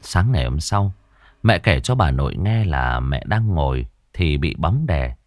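A man narrating a ghost story slowly and dramatically. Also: very deep voice, big pitch swings, no echo, studio quality.

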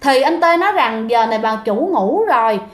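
High-voiced woman telling a ghost story. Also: expressive, a little fast. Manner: chatty, addresses listeners directly. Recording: echoey room.

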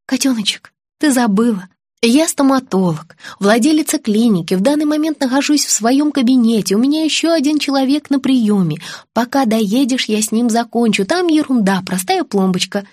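A woman plays a doting yet pushy female dentist who showers endearments while pressing her orders. The voice is rather high and the recording is dry and close. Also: lively intonation, moderate pace, darkish tone, no room sound. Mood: cooing. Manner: cooing, insistent.

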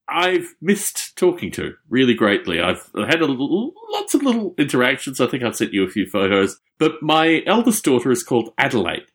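Lively-voiced male call-in host. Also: medium pitch. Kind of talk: casual call-in chat.

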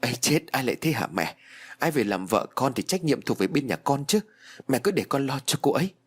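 A man's voice: medium pitch, very animated, fairly quick, breathy edge. Man doing an evasive, defensive young husband.

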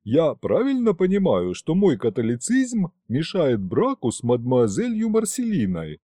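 A courteous, earnest ambassador, voiced by a man reading a storybook, formal and polite, sounding baffled in his careful questions. The voice is fairly high and lively in its rises and falls, recorded close and dry. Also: unhurried, husky, no room sound, heavily acted. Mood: puzzled.

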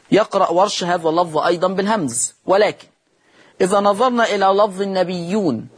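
A man with an Egyptian Arabic accent gives a televised tajweed lesson, teaching Quran recitation. His high, husky voice moves between quick explanation and slow, drawn-out chanted verses.

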